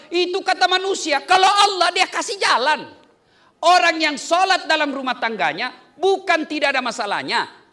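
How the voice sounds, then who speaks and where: A male preacher giving a joking, animated wedding sermon to a live audience, full of rhetorical questions. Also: very high voice. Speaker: Islamic preacher.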